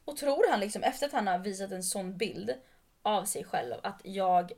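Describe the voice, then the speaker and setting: A woman's voice: mid-range voice, lively intonation, a little mellow. A young woman co-hosting a podcast, telling a story in casual chat with dialogue acted out. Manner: chatty, acts out dialogue while retelling. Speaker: podcast co-host.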